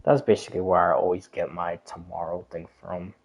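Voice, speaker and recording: A man livestreaming games chats casually in a hesitant, meandering, repetitive way. His gravelly voice sits low with little pitch movement, and he talks a little fast. The stream audio is dull, muffled and lo-fi.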